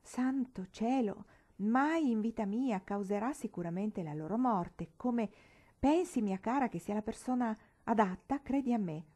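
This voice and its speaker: A fussy old lady declaims her complaints slowly and emphatically, her voice lifted high, as a woman puts her on in an audiobook. The sound stays soft and mellow. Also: lively intonation. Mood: indignant.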